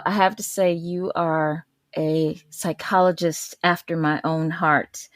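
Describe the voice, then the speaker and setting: A woman's voice: on the low side, dry recording, studio quality. A woman hosting a podcast interview, enthusiastic and affirming toward her guest. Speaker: guest host.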